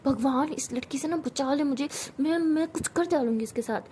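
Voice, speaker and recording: A woman's voice: sits high, moderate pace, warm tone, a little hiss or hum, close to an everyday voice. A woman voicing a dramatic young college woman who plays the senior, complaining in an indignant, theatrical way. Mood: bickering.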